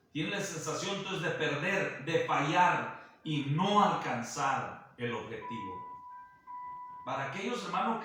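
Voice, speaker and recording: Slow preacher guy, bright voice, kinda high, big echo, mic a ways off. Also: slight background noise. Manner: slow and deliberate, repeatedly calling the listener brother. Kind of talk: sermon teaching. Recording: roomy echo, heard from a distance, faint music behind.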